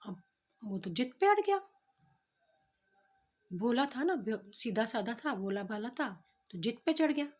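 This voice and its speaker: A woman telling a story to young children, animated and speaking directly to them. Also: a little high, unhurried, long pauses. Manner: animated, addresses young listeners.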